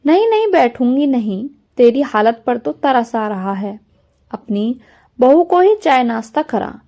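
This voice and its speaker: A woman's voice: fairly high pitch, very animated, unhurried, dark tone. A woman voicing a nosy, meddling older neighbour woman who scolds snidely in a storybook reading. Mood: scolding.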